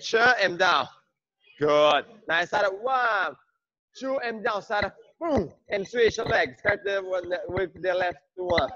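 A male group fitness instructor with a high-pitched, hard-driving gym-bro style shouts cues and countdowns through a workout class, heaping on clipped, repeated praise. His tone is bright and forceful, the highs are cut off, and he's in a large indoor gym on a video call.

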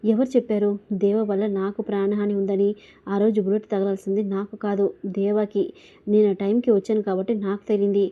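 A woman's voice: mid-range voice, level tone, brisk, phone-quality sound, lightly acted. Woman narrator voicing defiant young wife, Mithuna. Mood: angry. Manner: insistent, confrontational questioning. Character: angry young married woman, fiercely defiant.

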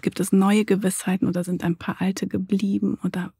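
Husky-voiced woman interviewer. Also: medium pitch, level tone, brisk, mellow, no room sound, studio quality. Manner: reflective, asks long questions with fillers. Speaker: interviewer, host. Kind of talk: podcast interview. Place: small studio. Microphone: desk microphone.

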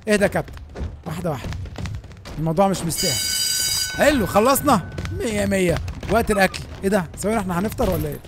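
A young man with an Egyptian Arabic accent giving excitable, joking commentary over a school game, given to sudden panicked shouts. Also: rapid-fire, over music. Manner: excitable, yelps and shouts in panic, then calms to low asides. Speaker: gaming YouTuber. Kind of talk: comedic gameplay commentary.

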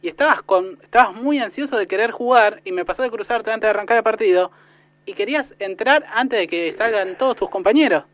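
A man's voice: sits high, fairly quick, dry recording, dull audio. A man, a radio co-host recalling a meeting with the player in a casual way.

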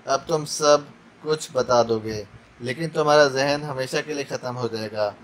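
A man's voice: on the high side, steady tone, moderate pace, a little hiss or hum, natural voice. A man voicing a cold male interrogator who threatens a captive in an icy tone. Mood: icy menace.

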